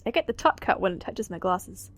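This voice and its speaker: A woman voicing a dull, quiet teenage boy who answers in flat, terse lines in a visual novel game. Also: mid-range voice, fairly quick, close to an everyday voice.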